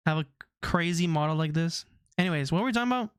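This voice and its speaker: Rambling young man, crisp dry voice. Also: on the high side, animated, fast, no echo. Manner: rambling, laughs often, tangents. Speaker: streamer. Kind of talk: casual chat with stream chat.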